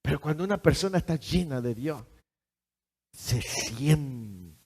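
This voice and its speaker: A man preaching slowly and emphatically, his voice sitting a little high for a man. He keeps asking his congregation questions. The long reverb of a church hall hangs on every phrase. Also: animated, a little mellow, husky. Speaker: pastor. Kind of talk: sermon.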